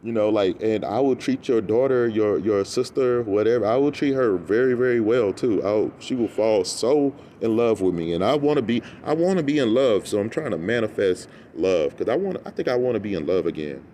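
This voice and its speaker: A man's voice: fairly low pitch, a little fast, hardly any pauses, a little hiss or hum. A man on a rambling, comedic rant, telling stories in a loose, tangential way, repeating himself and acting out what people say. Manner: animated storytelling that acts out quoted remarks.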